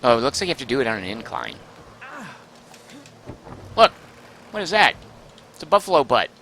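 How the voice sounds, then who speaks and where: A man streaming a game live, chatting excitedly, thinking aloud and reading chat messages aloud, close to his microphone. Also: medium pitch, normal speed, creaky, a little hiss or hum. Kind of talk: live gameplay commentary.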